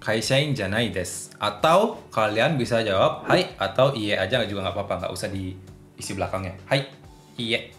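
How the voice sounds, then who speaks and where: A young man gives a chatty video lesson in a middle-pitched voice. He explains patiently and works through examples. The room is echoey and faint music plays behind him. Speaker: Japanese language teacher. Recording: roomy echo with faint music.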